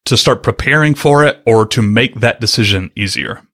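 A man's voice: medium pitch, fairly bright tone. A man hosting a casual podcast interview, chatty and joking as he asks his questions. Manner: joking, chatty, fast-talking. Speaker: podcast host.

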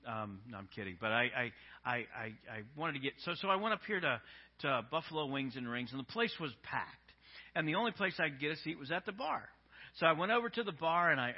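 A man's voice: fairly high pitch, dull audio. A male pastor giving a sermon, telling stories conversationally with frequent restarts. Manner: conversational storytelling with many restarts.

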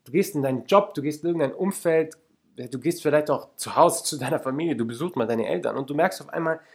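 A man's voice: fairly high pitch, fast, creaky, husky. A young man from the Lake Constance region, hosting a solo self-help podcast and speaking earnestly and directly to the listener. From Lake Constance region, Germany. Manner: earnest, addresses listener directly, repeats for emphasis. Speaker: podcast host.

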